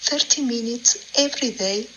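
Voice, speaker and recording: Brief: woman, mid pitch, bright, faint room noise. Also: moderate pace, rough recording. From Argentina. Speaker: listener.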